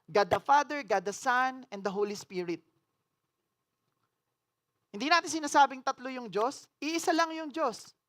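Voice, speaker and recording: A female pastor with a high voice preaches at a measured pace, pausing often. Her sermon blends in English phrases and questions for the congregation, shifting between loud declarations and hushed, earnest pleas.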